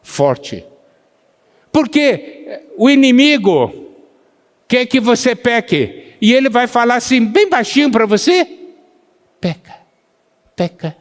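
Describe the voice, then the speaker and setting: A man preaching a sermon who slows down to stress scripture and asks the congregation questions, pausing for their answers. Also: very high-pitched, big pitch swings. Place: church meeting hall. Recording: long hall reverb.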